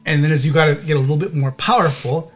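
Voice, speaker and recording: A male game master with a higher voice who narrates loosely and keeps checking in. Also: quick pace, soft background music. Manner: rambling, with many restarts and "okay?" checks.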